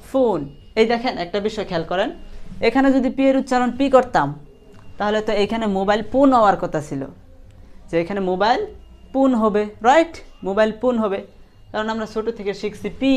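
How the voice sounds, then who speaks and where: A woman's voice: medium pitch, darkish tone. A woman teaching English pronunciation in Bengali, repeating each example word several times and asking questions she answers herself. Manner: asks the class questions and answers them herself. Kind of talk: spoken English lesson in Bengali.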